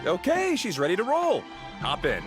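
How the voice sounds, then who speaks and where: Animated, easygoing young technical guide. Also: male voice, high-pitched, normal speed. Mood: upbeat. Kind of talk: video game voice acting. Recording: music behind the voice.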